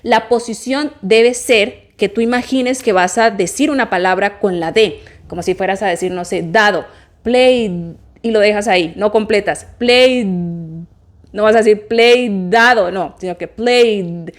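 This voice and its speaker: A young adult woman, teaching English grammar and pronunciation in a lively, explanatory way, answering her own questions. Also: mid-range voice, a little slow. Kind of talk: Spanish-language English lesson.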